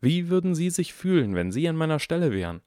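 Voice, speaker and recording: A man's voice: a little high, big pitch swings, fast talker, mellow, dry recording, clean studio sound, voice pushed up. A man voicing a clever eleven-year-old boy who talks in a cold, icy and precise way in an audiobook. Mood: cold demanding.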